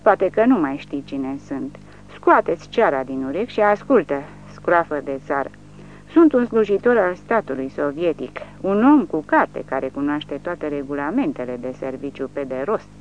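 A reader voicing a drunk, bullying man who is a Soviet village official, shouting insults in an audiobook. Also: fairly high pitch, expressive, muffled recording, a little hiss or hum, natural voice. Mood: ranting.

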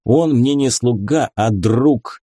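A man reading a story aloud, voicing a gruff young ensign who speaks in short, blunt lines. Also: mid-range voice, lively intonation, measured pace, dark tone, dry recording, studio quality. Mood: curt. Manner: curt, clipped, gruff.

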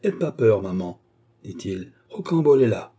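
A man voicing a brash young male rascal in an audiobook, cool-headed and insolent, bursting into loud cries. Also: mid-range voice, lively intonation, normal speed, husky. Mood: bold.

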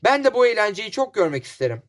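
A man's voice: high-pitched, sing-song, quick pace, a bit bright, voice pushed up. A man voicing a sardonic bound captive who taunts his captors with glee. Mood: mocking. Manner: gleeful, mocking.

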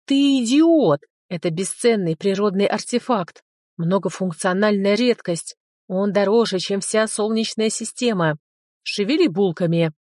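A woman's voice: medium pitch, measured pace, darkish tone, no room sound, studio quality, natural voice. A woman voicing a lazy, potbellied little male dragon who talks in brash, mocking slang. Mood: bossy.

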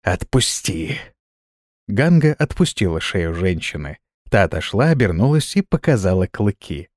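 A man narrating a fantasy audiobook with expressive intonation. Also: fairly low pitch, moderate pace, no echo, studio quality.

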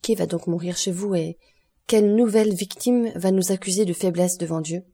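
A woman's voice: lowish voice, moderate pace, mellow, slightly rough. A woman voicing a stern doctor. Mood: grave. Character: grave, stern male doctor.

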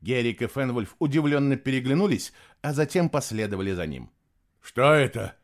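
A man narrating an audiobook in an expressive storytelling manner. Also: medium pitch, brisk. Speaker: audiobook reader. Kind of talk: scripted narration.

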